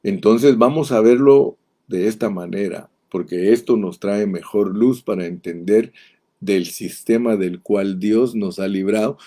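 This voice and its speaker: Slow, deep-voiced male preacher. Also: mellow. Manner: slow, deliberate, reads verses aloud emphatically; addresses listeners directly. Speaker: pastor. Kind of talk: expository Bible teaching.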